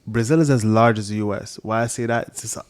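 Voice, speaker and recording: A man's voice: lowish voice, fairly even intonation, quick pace. Casting: New man, interview guest, loose and profane storyteller with restarts. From Brooklyn, New York and Jamaica. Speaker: podcast guest, sommelier. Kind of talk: casual interview chat.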